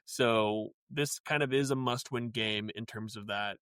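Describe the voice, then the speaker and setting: A man's voice: lowish voice, measured pace, a bit bright, clear, resonant tone, no room sound. Chatty man, dry podcast mic. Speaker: podcast co-host. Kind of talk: casual podcast chat.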